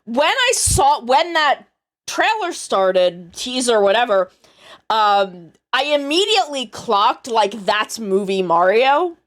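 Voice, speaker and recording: A woman streamer talking slowly and loosely, her pitch swinging up and down as she thinks aloud. She rambles, backtracks and swears casually, with a slightly high voice. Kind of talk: casual live-stream chat.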